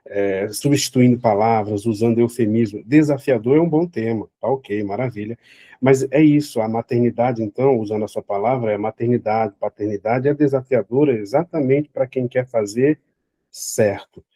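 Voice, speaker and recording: A Brazilian man teaches a church family class in a calm, reassuring way. His voice is dark and mellow, and he explains his terms carefully and keeps checking in with his listeners. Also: mid-range voice. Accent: Brazilian Portuguese. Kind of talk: teaching talk answering a participant.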